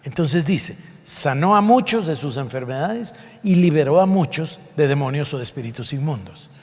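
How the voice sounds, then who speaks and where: A man's voice: on the high side, expressive, moderate pace, a little mellow, long reverb tail. A man preaching a sermon, reading scripture aloud and explaining it with emphasis. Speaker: pastor.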